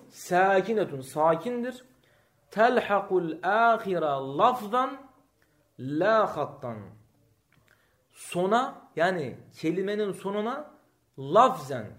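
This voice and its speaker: A man teaching a grammar lesson, reading short Arabic lines and explaining them step by step while asking the class questions. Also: sits high.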